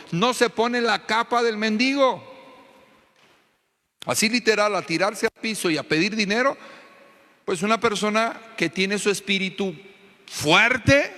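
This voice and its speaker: A Mexican pastor preaches a fervent sermon, frequently turning to the congregation with questions. His high voice sounds sharp and bright. A long church-hall echo rings around it.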